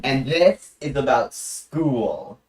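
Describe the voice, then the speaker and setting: A young adult streamer chatting casually on a livestream, halting with frequent restarts and joking in a deadpan way. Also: medium pitch, rough recording.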